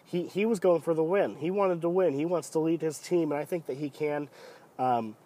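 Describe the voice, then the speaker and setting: A man with a head cold that deepens his voice, giving casual, rambling, opinionated solo football commentary as a podcast host, often hesitating. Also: normal speed, dark tone. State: sick with a cold.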